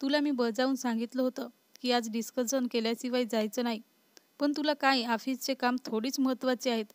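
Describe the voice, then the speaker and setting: स्त्री निवेदिकेने वाचलेला चिडका तरुण नवरा, रागावून बोलणारा, कोरडा आवाज. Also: female voice, on the high side, dry recording, lightly acted. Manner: scolding, exasperated. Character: short-tempered, protective young husband. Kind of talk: storybook reading.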